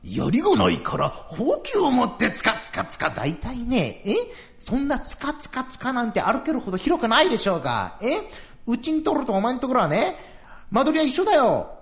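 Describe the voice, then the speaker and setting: A man voicing an excitable, brash young commoner neighbor, talking high, quick and blustering in traditional comic storytelling. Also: vocal fry, exaggerated voice. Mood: indignant.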